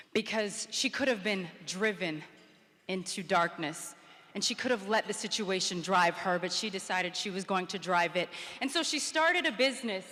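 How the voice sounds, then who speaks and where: A woman's voice: medium pitch, sharp tone. A woman in her thirties giving a motivational conference speech, telling a personal story and acting out the quotes. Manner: storytelling, acts out quotes with rising energy. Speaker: public speaker. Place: conference hall, indoors. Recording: reverberant conference hall.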